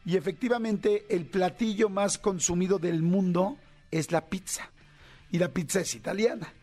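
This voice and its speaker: A man's voice: high voice, fairly even intonation, normal speed, warm tone. A man with a Mexican accent hosting a radio show, chatting casually and joking, rambling with fillers as he thinks aloud. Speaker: radio host. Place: radio studio.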